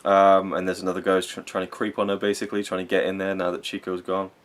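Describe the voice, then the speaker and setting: A man's voice: low-pitched, monotone, fast. A young man giving a casual, rambling, earnest film review, swearing now and then and getting openly emotional.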